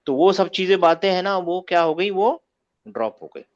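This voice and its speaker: Male online teacher, slightly high, keeps asking the class for confirmation, lo-fi call sound. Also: normal speed. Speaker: Arabic teacher. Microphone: video call. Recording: muffled lo-fi call audio.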